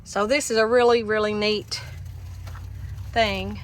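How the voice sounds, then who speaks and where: A woman's voice: medium pitch, fairly even intonation, slow. A middle-aged woman filming on a handheld phone outdoors, explaining things casually in a plain-spoken, folksy way. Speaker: farm vlogger. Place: outdoors in a farmyard. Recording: outdoor handheld recording with background noise.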